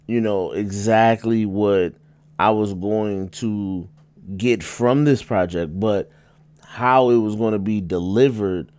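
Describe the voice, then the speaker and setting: A man giving a casual spoken album review, rambling with many fillers and restarts, and jumping up in pitch for emphasis. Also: slow pace, darkish tone, clear, resonant tone, no room sound.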